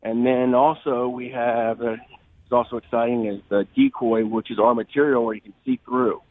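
A man calling in by phone from a trade show, talking about products with lots of pauses and fillers. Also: mid-range voice, steady tone, no echo. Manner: halting, many fillers. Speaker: caller from a hunting gear company. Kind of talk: casual phone interview. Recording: tinny phone line.

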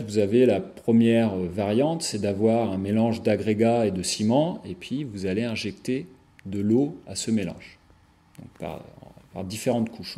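A man lecturing over slides in a low, mellow voice. He pauses often, fills gaps with hesitations and restarts his phrases, checking in with his listeners as he goes. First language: French. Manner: hesitant, many fillers and restarts.

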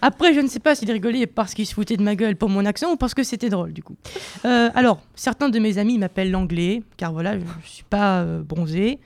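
A man's voice: high-pitched, quick pace, creaky. Mock-boastful young male radio columnist. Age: young adult. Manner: mock-boastful, self-mocking humor with many fillers. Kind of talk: comic opinion column on student radio. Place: radio studio. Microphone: studio microphone.

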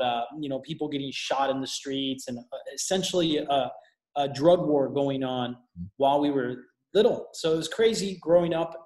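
Colombian-raised man in an echoey room. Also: fairly high pitch. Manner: relaxed, rambling with frequent fillers. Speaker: missionary guest. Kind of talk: casual interview.

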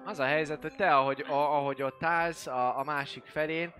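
Male game master, fairly high, bright tone; hesitant, rambling narration. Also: steady tone, faint music behind. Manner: rambling, hesitant with many fillers.

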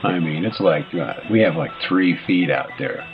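A man with a low voice hosts a live radio show at a moderate pace, casual, rambling and jokey, with hesitations and frequent chuckles. The radio sound is dull and lo-fi, with clear background noise and faint music behind him.

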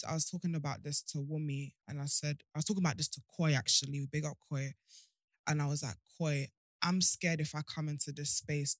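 A young woman with a low voice speaks candidly and outspokenly in a casual podcast chat, often jumping from one point to the next. The audio is studio quality with no room sound. She is identified as both a guest and a show host.

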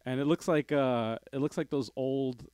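A man with a medium-pitched voice in a dry, close recording. He relays news as a podcast co-host, loosely and hesitantly, swearing freely like someone chatting with friends. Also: normal speed, a little mellow, smooth, no echo. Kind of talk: casual, profane news chat.

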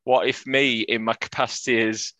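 A man's voice: mid-range voice, flat delivery, normal speed, bright, forceful tone, no echo. A man in his forties co-hosting a football podcast, chatty and self-mocking. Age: 40s. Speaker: podcast co-host. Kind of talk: casual football podcast chat. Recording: dry, dull lo-fi sound.

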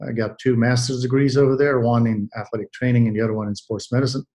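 A man in his sixties from Belgium, answering interview questions about his career in a measured way, with many pauses and restarts. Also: mid-range voice, little pitch movement, a little mellow. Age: 60s. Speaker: guest, athletic trainer.

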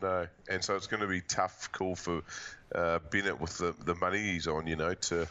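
Bright-voiced Kiwi man, lowish pitch. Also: level tone, normal speed, dull audio. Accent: New Zealand. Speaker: sports show co-host. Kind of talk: casual rugby league banter.

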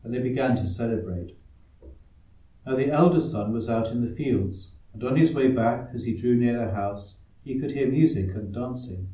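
Male priest, very mellow dark voice, solemn scripture reading, distant mic, cathedral echo. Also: mid-range voice, moderate pace. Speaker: priest reading the Gospel at Mass. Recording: echoey church, heard from a distance.

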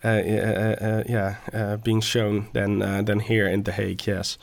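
A man's voice: lowish voice, flat delivery, unhurried, creaky. A man co-hosting a casual news chat podcast, answering in short agreeing replies with frequent hesitations. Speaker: podcast co-host.

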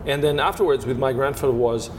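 Man, halting and descriptive. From Portugal. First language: Portuguese. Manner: searching for words with frequent restarts. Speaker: winemaker guest. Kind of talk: descriptive interview answers. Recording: steady noise and low rumble.

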